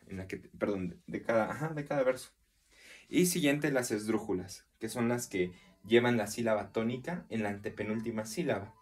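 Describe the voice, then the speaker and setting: A man teaching a poetry lesson, counting syllables aloud slowly, with frequent hesitations and restarts. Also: mid-range voice. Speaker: literature teacher. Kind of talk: explanatory recorded lesson.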